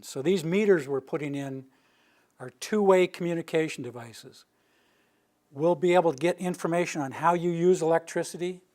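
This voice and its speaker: In a meeting room filled with listeners, a utility planning director delivers an informal public talk. He's an older man close to retirement age from the Rocky Mountain region, with an even, nearly monotone delivery and a voice slightly higher than most men have.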